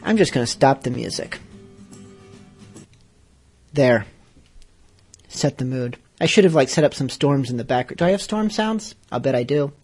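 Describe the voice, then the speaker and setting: A man's voice: medium pitch, expressive, moderate pace, pauses often, a little mellow, breathy edge, faint music behind. A man hosting a podcast, chatting casually with rambling, self-deprecating asides. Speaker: podcast host. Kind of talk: casual radio-show chat.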